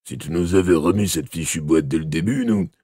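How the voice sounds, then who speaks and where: A surly, brutish police sergeant who grumbles and sulks, put on by a man reading aloud. The voice is pitched very low and husky, with a dry, close sound. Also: brisk, dark tone, dry recording. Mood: sulky.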